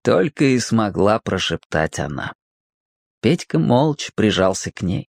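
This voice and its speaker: A narrator reading a children's story aloud with a lively, expressive voice. The pitch rises and falls freely. The recording is close and dry. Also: unhurried, vocal fry, no room sound.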